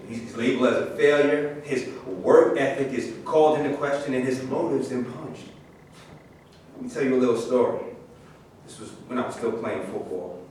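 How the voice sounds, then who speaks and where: In a staged play reading, a man with a natural, medium-pitched voice delivers a dramatic monologue as a proud, indignant former football star airing his grievances. It's recorded from far off in an echoey room with faint noise.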